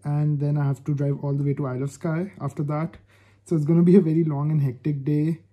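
A man's voice: on the high side, little pitch movement, quick pace, dark tone, dry recording. A man in his twenties vlogging his travels, talking straight to his viewers with eager enthusiasm. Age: 20s. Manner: enthusiastic, talks directly to viewers. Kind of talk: casual travel vlog to camera. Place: outdoors and in a rented cottage while travelling.

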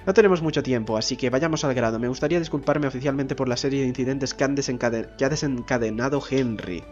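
A man's voice: medium pitch, fast talker, muffled recording, faint music behind. A man reads game dialogue aloud in a gameplay video. Between the lines he makes casual asides and swears mildly when frustrated. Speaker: gameplay commentator.

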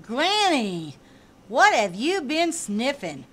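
A woman's voice: sits high, very animated, slow pace, fairly bright tone, exaggerated voice. A woman voicing a brash, streetwise young girl who runs cookie scams, in a comic radio play. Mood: sassy. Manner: brash, sassy, mocking.

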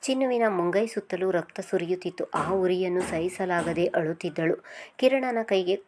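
A woman reading a serialized novel aloud with steady, emotive storytelling. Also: lowish voice, moderate pace, a little hiss or hum. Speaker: narrator.

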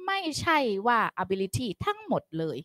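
A woman teaching a grammar lesson, coaxing her students with frequent questions and soft, polite phrasing. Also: fairly high pitch, very animated, a little slow, no room sound, clean studio sound. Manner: calls students "child", softens lines with polite particles. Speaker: English teacher. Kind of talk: online classroom lecture.

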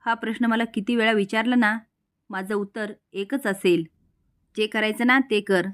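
A woman's voice: medium pitch, steady tone, normal speed, lightly acted. A woman doing a defiant, brave young woman. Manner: firm, scolding.

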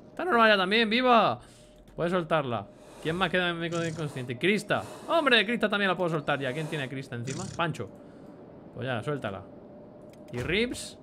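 A man's voice: a little high, sharp tone, a little hiss or hum. A young man with a Spain Spanish accent giving chatty let's play commentary, swearing casually and reading item names aloud. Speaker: gameplay commentator.

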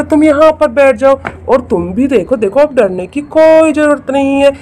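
A woman with a high, slightly mellow voice narrates a toy doll play for children, with a little hiss or hum in the background. As a storyteller for a toy channel, she exclaims, repeats "look, look" and "very good," and speaks straight to the kids.

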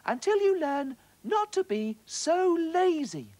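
A man voicing a timid little female fish in a children's story, with a stammering, squeaky manner. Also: very animated, takes it slowly, a little mellow, exaggerated voice. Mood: bold.

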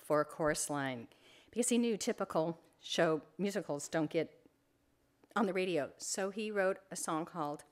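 A woman's voice: fairly low pitch, moderate pace. An older woman photographer giving an informal library talk, chatty, rambling and openly emotional at times.

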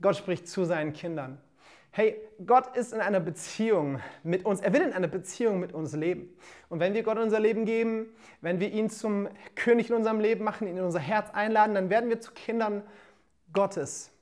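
A woman in her thirties delivers a livestreamed sermon, speaking straight to her viewers. She sounds energetic and direct, often calling out to them, and sometimes sinks into soft, quiet passages. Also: mid-range voice, brisk. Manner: energetic, addressing listeners directly with "hey" and "come on". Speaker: preacher.

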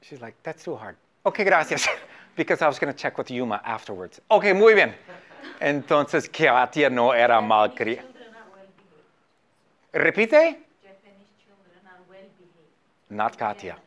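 A man teaching a beginner language class through a story, animated and prompting students to repeat after him. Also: medium pitch, slow, pauses often. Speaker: Spanish teacher.

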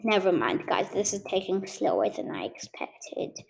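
A woman's voice: medium pitch, very animated, moderate pace, gravelly, darkish tone, rough recording. A woman chatting casually while playing a game, rambling with many fillers and teasing her viewers. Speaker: gaming YouTuber. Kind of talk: casual gameplay commentary.

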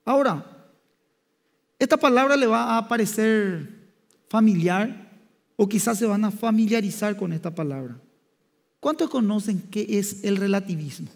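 A male pastor preaching a sermon, halting and restarting with frequent fillers as he searches for words. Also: sits high, expressive, creaky. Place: church hall. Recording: long church hall reverb.

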